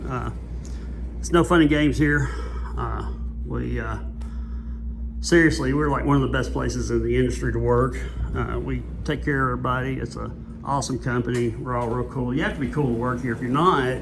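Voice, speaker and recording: A man's voice: mid-range voice, steady tone, moderate pace, creaky. A man giving a casual, jokey, folksy walking tour inside a large warehouse. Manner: jokey, tongue-in-cheek, folksy. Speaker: company employee giving a tour. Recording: loud warehouse ambience and machinery noise.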